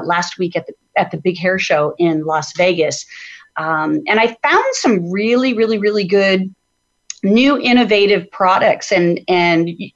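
Woman podcast host, chatty, halting restarts, muffled lo-fi audio. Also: mid-range voice. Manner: chatty, many restarts and fillers. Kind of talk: casual interview chat. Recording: dull lo-fi audio.

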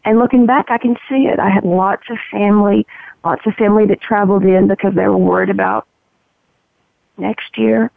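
A woman with a heavily creaking, gravel-filled voice, roughened like a frog's croak. She talks candidly and reflectively as an interview guest, in halting phrases, over a thin, tinny telephone line. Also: medium pitch, fairly even intonation, no room sound. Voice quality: gravelly, froggy voice. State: voice roughened by morphine. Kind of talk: personal account in an interview. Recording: narrow, tinny phone-line sound.

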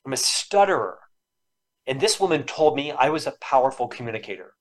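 Lively intonation and a slightly fast pace mark this man's medium-pitched voice. In his fifties and from Florida, he has stuttered since childhood and tells personal stories with earnest feeling as a guest in a reflective podcast interview.

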